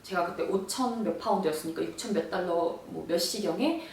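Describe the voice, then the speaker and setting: A young woman vlogger telling a story in an animated, exasperated way, acting out quoted lines. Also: lowish voice, fairly quick, a little hiss or hum. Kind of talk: storytelling vlog. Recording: echoey room, voice from far off.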